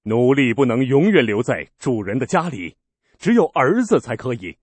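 A man voicing a calm, authoritative male teacher, speaking in an earnest, firm, solemn way. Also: mid-range voice, moderate pace, husky, no echo.

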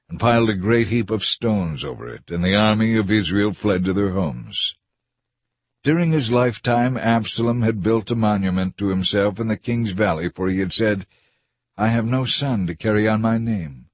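A man reading a Bible story in steady, measured scripted narration. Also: lowish voice, no room sound.

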